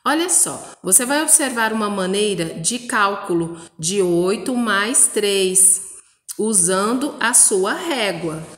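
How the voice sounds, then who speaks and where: A woman from Brazil teaches young children in a slow, patient voice, sounding out words one by one. Her voice sits at a middle pitch. The recording carries a roomy echo with a long reverb tail. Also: animated, a bit bright. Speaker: primary school teacher. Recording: echoey room with long reverb.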